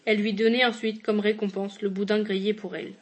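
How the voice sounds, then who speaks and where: A woman reading a literary short story aloud at a measured pace, sometimes tripping and restarting a word. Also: medium pitch, flat delivery. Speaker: reader.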